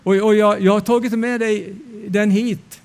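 A man voicing an eager young woman, newly in church leadership, talking in a breathless, hurried way. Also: mid-range voice, steady tone, darkish tone, voice pushed up, lightly acted.

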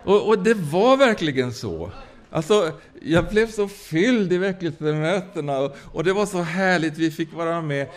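Man, preacher, sermon, fairly high voice, halting, many fillers and restarts, hallelujah exclamations. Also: lively intonation. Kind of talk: sermon with personal testimony.

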